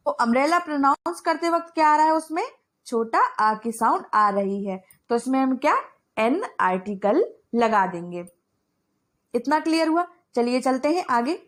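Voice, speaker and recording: A young woman teaching an exam-prep grammar lesson, asking questions and answering them herself. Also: high-pitched.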